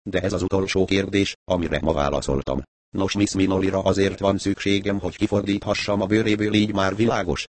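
A man voicing a calm, mocking male crime boss who threatens with smooth sarcasm. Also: low-pitched, dry recording. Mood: coolly threatening.

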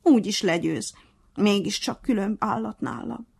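A woman's voice: mid-range voice, gravelly, breathy edge, pitched above the performer's own voice. A woman voicing a tiny, cheeky and feisty ant in a storybook tale, speaking in a sassy, plaintive way. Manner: cheeky, whiny then feisty.

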